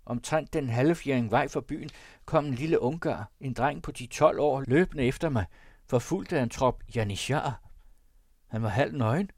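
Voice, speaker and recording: A man's voice: mid-range voice, darkish tone, no room sound, studio quality, voice pushed up, close to an everyday voice. A man reading aloud and voicing a brave young cavalry cornet who speaks urgently and earnestly. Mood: recounting. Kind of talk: audiobook character voice.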